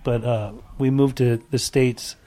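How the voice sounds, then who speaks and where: A middle-aged man born in Germany who grew up in the States, a guest in a casual chat telling his family story in a relaxed, frank way with the odd curse. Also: medium pitch, unhurried. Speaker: podcast guest.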